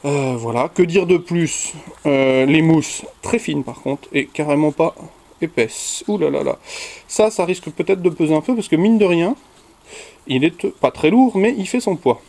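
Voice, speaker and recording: A man's voice: on the high side, animated, measured pace, creaky, a little mellow. A young man hosting a casual unboxing video, rambling and often correcting himself with little jokes. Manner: rambling, self-correcting, jokey. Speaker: tech video host unboxing a headset.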